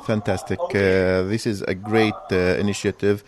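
Deep flat-voiced male host, halting. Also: a crowd in the background.

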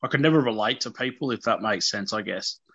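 A lowish, bright-voiced Australian man around thirty, talking candidly in an interview. His manner is informal and a little self-deprecating, with hesitations as he thinks. The sound is dry and slightly dull, like lo-fi radio. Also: fast, husky, no room sound. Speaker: interview guest.

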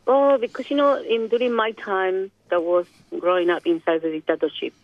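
A woman's voice: mid-range voice, lively intonation, moderate pace, no room sound. A woman from Chile with a Chilean Spanish accent, a guest in an interview, speaking reflectively and searching for her words. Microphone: telephone. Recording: dry, tinny phone line.

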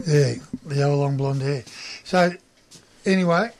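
A man's voice: on the high side, unhurried, heavy background noise. A middle-aged Australian man chatting casually in a wry, matey tradesman's manner. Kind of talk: casual chat.

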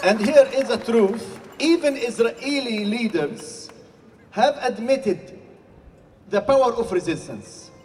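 A man from Gaza, giving an impassioned protest speech at an outdoor rally, sometimes rising to shouts. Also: very high voice, expressive, slow. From Gaza, Palestine. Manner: forceful, rising to shouts at times. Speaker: rally speaker. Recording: distant reverberant rally recording with faint noise.

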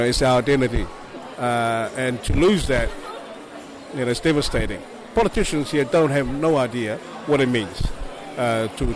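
An older man from Niue speaking earnestly at a rally, pausing often with fillers. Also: mid-range voice. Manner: halting, earnest, many fillers. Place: outdoor rally. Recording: crowd at outdoor rally.

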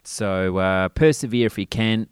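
A man hosting a radio podcast, chatty and self-mocking, his voice thin and tinny with no bass because it went through a laptop mic. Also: measured pace, clean tone, no echo, studio quality. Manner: chatty, self-mocking, pleading for listener support. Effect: thin tinny sound with no bass, recorded through a laptop mic. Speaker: radio show host. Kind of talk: casual spoken intro to a podcast. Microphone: built-in laptop mic.

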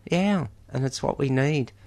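Gravelly radio presenter, rambling. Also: male voice, medium pitch, a little slow, darkish tone. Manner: rambling, many ums, jokey asides. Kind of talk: community radio fundraising chat. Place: radio studio. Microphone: studio microphone.

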